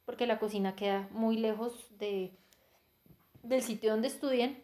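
A woman's voice: a little high, unhurried. A young woman in casual chat, animatedly retelling a plot and laughing often. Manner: animated storyteller, laughs often, filler 'ta, ta, ta'.

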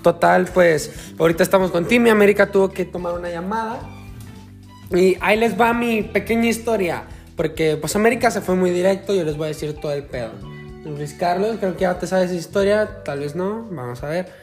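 A man's voice: sits high, a little fast, soft background music. A Mexican man with a Mexican accent co-hosting a podcast, joking and using lots of slang in casual chat. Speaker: podcast co-host.

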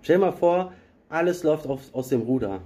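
A man's voice: on the high side, lively intonation, a little fast, dark tone. A man giving a sermon, retelling a Bible story in plain everyday speech and speaking straight to his listeners, sometimes correcting himself mid-phrase. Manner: self-correcting, searching for words. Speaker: preacher.

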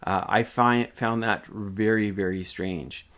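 A man hosting his own channel, giving a reflective personal monologue with many pauses, fillers and restarts. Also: lowish voice, steady tone, a bit bright. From Canada. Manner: hesitant, frequent uh fillers and restarts.

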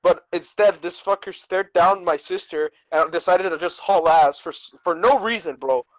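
A man's voice: high-pitched, normal speed, no room sound, low-quality recording. A young man chatting casually on a podcast as co-host, telling stories in slangy frat-bro talk full of bro and dude. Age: young adult. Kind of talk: casual chat, telling a personal story.

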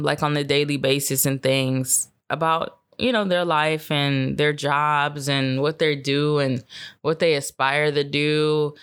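A woman's voice: deep voice, smooth. Tired, foul-mouthed woman podcast host. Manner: heavy swearing, rambling, slangy; laid-back, unhurried talk with frequent fillers. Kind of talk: casual solo podcast chat.

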